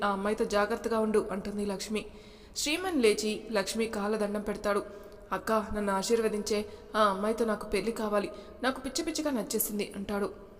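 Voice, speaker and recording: A woman's voice: mid-range voice, big-room sound. A woman narrating a story and reading every character's lines herself, with small shifts of voice.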